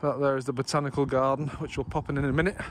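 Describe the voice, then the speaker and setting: A man's voice: mid-range voice, level tone, very fast, a little hiss or hum. A middle-aged man chatting enthusiastically while leading a friend on a riverside park walk, recorded on a camera mic outdoors. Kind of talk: casual walking chat.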